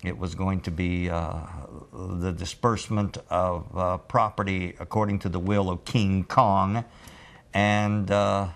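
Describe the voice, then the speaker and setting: An older man who used to work as a TV audio engineer tells a rambling story, with lots of filler pauses. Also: low voice, vocal fry. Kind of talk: oral-history storytelling.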